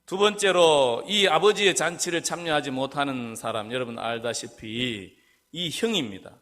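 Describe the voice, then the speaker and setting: A man's voice: on the high side, moderate pace. A male pastor preaching a sermon, asking his listeners questions and answering them himself. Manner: rhetorical questions, lively and animated. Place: church sanctuary. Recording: long church hall reverb.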